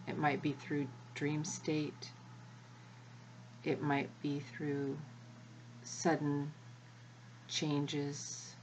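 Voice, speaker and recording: A woman leading a guided spiritual energy activation as the guide, speaking in a measured way with long pauses between short phrases. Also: low voice, monotone, a little mellow, a little hiss or hum, poor audio.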